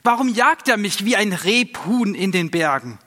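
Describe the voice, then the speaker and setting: A man's voice: sits high, lively intonation, normal speed, bright, forceful tone, voice pushed up, heavily acted. A man voicing a bold, earnest young warrior in a storybook reading, speaking in a raised, reproachful voice. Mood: pleading. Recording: long reverb.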